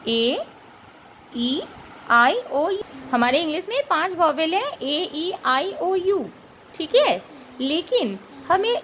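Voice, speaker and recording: With slight background noise behind her, a very high-pitched, somewhat bright-voiced woman gives a grammar lesson, patiently explaining, asking rhetorical check-in questions, and slowly spelling and repeating sounds.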